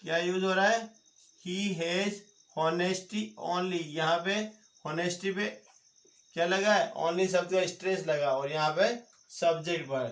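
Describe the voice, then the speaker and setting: A man's voice: sits high, fairly even intonation, moderate pace, a bit bright. A man from India giving an online grammar lesson, quizzing viewers with repeated questions and answering them himself. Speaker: teacher. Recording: roomy echoey home recording.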